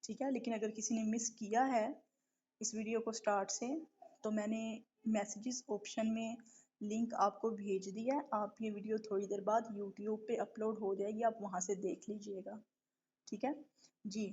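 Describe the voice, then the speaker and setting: A woman teaching recitation in a live online lesson, explaining patiently, drawing out letter sounds slowly, and often checking that her students follow. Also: medium pitch, flat delivery, mellow, husky. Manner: patient, explanatory, keeps checking with a repeated question. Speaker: tajweed teacher. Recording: dull lo-fi online stream audio.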